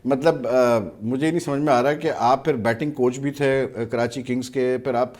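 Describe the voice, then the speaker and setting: A man's voice: mid-range voice, fairly even intonation, normal speed, a little mellow. A man hosting a TV sports talk show, questioning and challenging his guest and slipping into English phrases.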